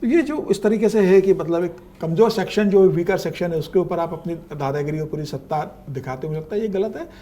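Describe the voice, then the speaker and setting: Middle-aged journalist, a man, high voice, emphatic panel opinions. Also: lively intonation, mellow. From Madhya Pradesh, India. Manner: emphatic, opinionated, quick to agree. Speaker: senior journalist. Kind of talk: panel discussion.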